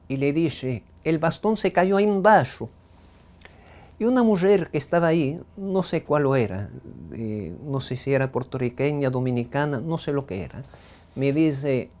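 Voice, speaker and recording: A Bronx-raised man with a Ladino-speaking New York accent talks through his life story, steady at a middle pitch. His voice is mellow and warm rather than bright. He is thoughtful, often pausing on a drawn-out "eh" before going on. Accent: Ladino-speaking New Yorker. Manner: thoughtful, with frequent "eh" pauses. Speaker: interviewee. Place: his home.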